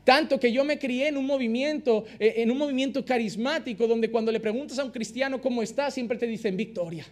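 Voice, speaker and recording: A male pastor delivers a fervent sermon. His voice sits unusually high, and he drives his points home by repeating phrases again and again. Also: fairly even intonation, fairly quick. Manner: impassioned preaching, repeats phrases for emphasis.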